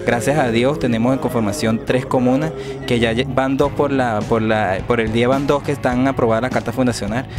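A man speaking as a community spokesman in an outdoor street interview, earnest and quick, with restarts, into a handheld mic. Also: medium pitch, steady tone, music in the background. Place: outdoors at a rural community meeting. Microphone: handheld reporter mic.

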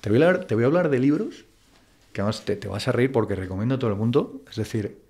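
Very animated and fast, this interview guest has a mid-range, slightly mellow voice and a Madrid Spanish accent. His talk is blunt and colloquial, peppered with "tío" and "macho," in a casual chat.

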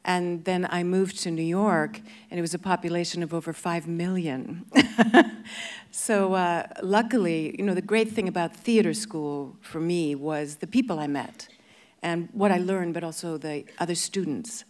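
A woman's voice: on the low side, measured pace. A woman in her fifties, a guest actress in an on-stage interview, talking with handheld mic and hesitant restarts. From born in England, grew up in Canada. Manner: hesitant, many restarts and fillers. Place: large festival stage before an audience.

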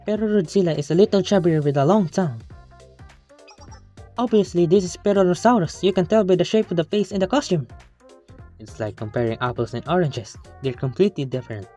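A woman voicing an excitable girl fan who lectures emphatically about toys in a game story. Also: lowish voice, brisk, faint music behind, pitched above the performer's own voice, close to an everyday voice. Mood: lecturing.

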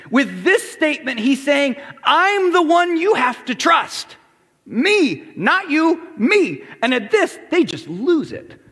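A man's voice: very high voice, a bit bright. A man preaching a sermon as pastor, acting out the crowd and Jesus in quoted voices. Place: church sanctuary. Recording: reverberant church hall.

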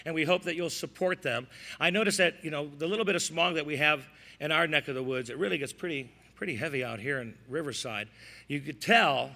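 Older male American vaudeville comic, slightly high-pitched, folksy and wry, live stage sound with long reverb. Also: pushed and bright. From American Midwest, Chicago area. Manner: folksy, wry joking asides to the audience. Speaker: ukulele-playing comedian. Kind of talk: vaudeville stand-up comedy patter. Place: indoor stage at a live show. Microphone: stand microphone.

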